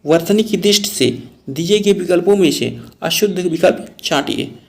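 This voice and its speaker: Male Hindi teacher, raised gravelly voice, repeats each word while explaining spelling for exam prep. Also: high-pitched, normal speed. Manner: explains word by word, repeats terms, calls viewers "friends".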